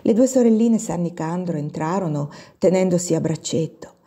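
A woman narrating a classic novel aloud in a measured, expressive reading. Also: fairly low pitch, breathy edge. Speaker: audiobook reader. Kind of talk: literary narration.

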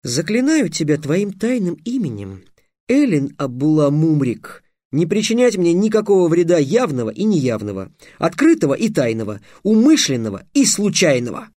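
A man voicing an excitable clever boy apprentice who talks high and agitated. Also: moderate pace, dry recording, studio quality. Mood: excited.

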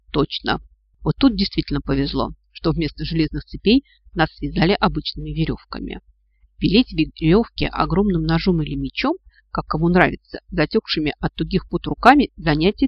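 A man narrating a fantasy storybook in an expressive, lively reading. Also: a little high, a little fast, husky, no room sound, dull audio. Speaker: audiobook reader.

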